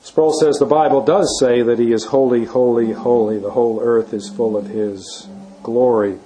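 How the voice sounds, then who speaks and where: Measured man teaching theology, mellow voice. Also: medium pitch, steady tone, a little hiss or hum, poor audio. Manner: measured, reads scripture aloud, occasional self-corrections. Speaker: bible teacher. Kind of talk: theology lecture.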